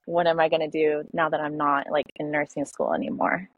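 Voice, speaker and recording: A woman's voice: sits low, flat delivery, a little fast, phone-quality sound. A young woman in her twenties, a podcast guest, telling a personal story in a casual way with many fillers.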